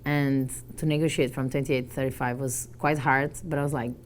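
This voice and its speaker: A woman from Portugal, giving a motivational talk to an audience and telling her story with animated, acted-out dialogue. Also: rumbling low, a little fast, a little hiss or hum. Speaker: guest speaker.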